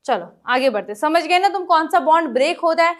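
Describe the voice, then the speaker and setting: A woman teaches an exam-prep lesson, talking straight to the students. She works through each step and keeps checking whether they follow. She reads English question text slowly and sometimes coughs or clears her throat. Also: very high-pitched, animated. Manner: explains step by step in Hindi mixed with English, keeps asking the class questions.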